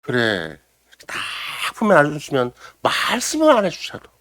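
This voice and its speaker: A middle-aged man preaching a Sunday morning sermon, dramatically acting out quotes and swinging between loud exclamation and hushed near-whisper. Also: fairly high pitch, huge pitch swings, normal speed, dry recording. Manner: acts out quoted voices and prayers dramatically. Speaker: pastor. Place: church sanctuary.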